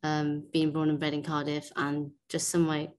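A young woman raised in Wales, speaking softly and hesitantly with many fillers as a guest speaker on a video call, a little nervous. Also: low voice, completely flat delivery, moderate pace. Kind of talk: casual spoken introduction. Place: indoor room at home. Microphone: wired earphone mic on a video call.

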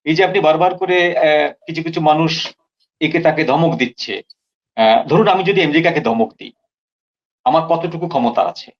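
Serious guy talking politics over an echoey call, dull lo-fi sound, highish voice, repeats stuff for weight. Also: moderate pace, long pauses. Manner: grave, emphatic, repeats for stress. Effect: echo on his remote call line. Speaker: political commentator guest. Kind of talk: talk-show political commentary. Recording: dull lo-fi remote call with echo.

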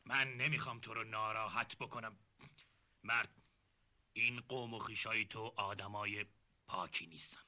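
An actor playing a sly, smooth-talking older relative who coaxes and confides in hushed tones in a 1970s TV drama. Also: male voice, lowish voice, steady tone, pauses often. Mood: coaxing.

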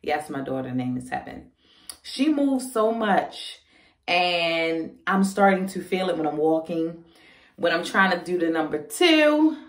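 A chatty woman with a lowish voice talks to her viewers in a casual pregnancy vlog, slightly short of breath. She sits back from the mic, and the room rings around her. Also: sing-song, measured pace, distant mic. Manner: chatty, addresses viewers as y'all. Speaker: vlogger. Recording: roomy sound, voice away from the mic.

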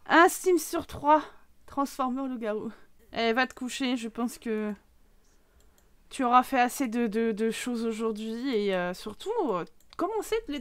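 Chatty French-speaking woman gamer, slightly high. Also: no room sound. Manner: chatty, with sudden excited exclamations. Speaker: gaming YouTuber. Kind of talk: let's play commentary.

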